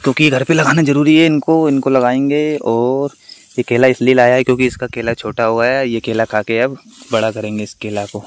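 Out in an open farm field, a twenty-something man casually talks to the camera of a phone held at arm's length. He has a medium pitch and fairly even intonation and speaks briskly, with no echo, though the handheld outdoor recording is noisy.

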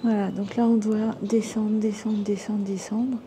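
A woman's voice: mid-range voice, level tone, measured pace. A woman in her fifties chatting casually while filming a visit for her travel vlog on a handheld camera. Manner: chatty, spontaneous, filming as she walks. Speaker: travel vlogger. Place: outdoors and inside a tourist site. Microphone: handheld action camera. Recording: clear background noise from the surroundings.

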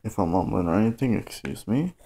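A man talking to his phone camera at home in a rambling, mumbling casual monologue, halting with fillers. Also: on the low side, lively intonation, mellow, slight background noise. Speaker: vlogger. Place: at home indoors. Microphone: phone camera close up.

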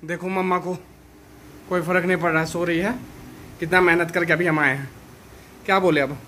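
A man's voice: on the high side, fairly even intonation, fairly quick, sharp tone, slight background noise. A man in his thirties filming a casual family vlog in a small room at home, pleading with his wife and sounding exasperated. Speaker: vlogger husband. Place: small home bedroom, indoors.

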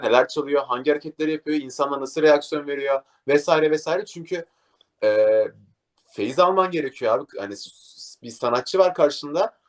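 A young man, a DJ, talking casually in an interview and acting out a story with lively energy. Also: on the high side. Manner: animated, acts out scenes, says "abi" a lot. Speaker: DJ guest.

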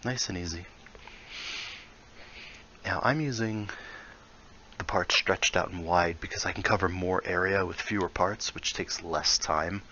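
Speaking at a measured pace with long pauses, this man has a low voice with a bright, forceful tone. He's a VR building tutorial creator casually explaining his process in the game, muttering asides and thinking out loud, on a recording with cut-off highs and a bit of background noise.

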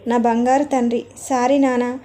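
A woman voicing a young mother who soothes and pleads with her little son, in a high, mellow voice. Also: level tone, moderate pace, lightly acted. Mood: tender.

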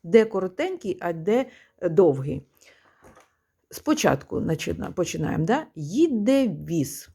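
A woman music teacher giving a one-on-one lesson, patiently prompting her pupil and chanting rhythms slowly. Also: lowish voice, very animated, vocal fry, warm tone, breathy edge.

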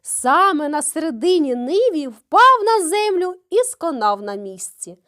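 A woman's voice: sits high, a little slow. A kindergarten teacher, a woman, reading a fairy tale expressively to preschool children. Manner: expressive, animated storytelling.

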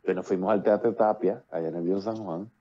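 A Puerto Rican playwright and actor in his fifties, speaking with a Puerto Rican Spanish accent, talks at length as a guest in a casual video-call interview. His voice is low-pitched and fairly even, his pace brisk, and the lo-fi sound carries slight background noise through earphones with a built-in mic. He uses many fillers and restarts.

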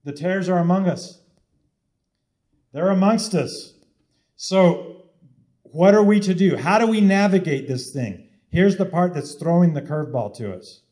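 A man's voice: high voice, animated, unhurried, pauses often, mellow. A man delivering an impassioned, sermon-style talk, urging listeners with urgent repetition. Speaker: online preacher.

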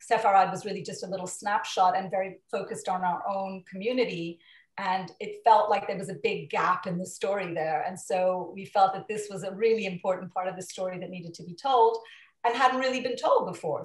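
A woman's voice: medium pitch, far from the mic. Woman from Portugal, echoey video call. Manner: hesitant, many fillers and restarts. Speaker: guest producer.

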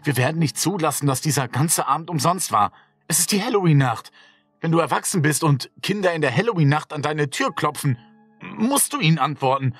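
A man's voice: fairly high pitch, lively intonation, a little fast, a bit bright, slightly rough, no room sound, soft background music, voice pushed up, full character voice. A man voicing a stubborn, angry young boy in a horror audiobook story. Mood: angry, insistent. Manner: insistent, raised young voice.

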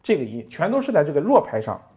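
Man teaching piano lively, animated speech. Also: on the high side, fast talker, lo-fi sound. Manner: counts beats aloud, asks frequent rhetorical tag questions. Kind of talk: music lesson with counting and playing. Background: piano playing.

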